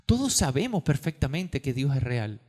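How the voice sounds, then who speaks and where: A man preaching a sermon in church, impassioned, swinging between loud and hushed, with many rhetorical questions. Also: medium pitch, very animated, normal speed. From Venezuela. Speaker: pastor.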